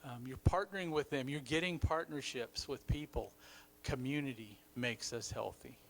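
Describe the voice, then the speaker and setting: In a church hall, a man leads a recovery session with encouraging workshop talk, affirming people and drawing lessons from what they share. His manner is warm, affirming, and reflective, and his medium-pitched voice has vocal fry at a moderate pace. The recording is rough.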